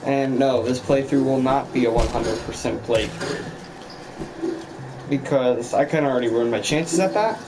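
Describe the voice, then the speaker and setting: A man's voice: mid-range voice, moderate pace, background noise. A man streaming a game with casual commentary, rambling as he thinks aloud. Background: loud game music.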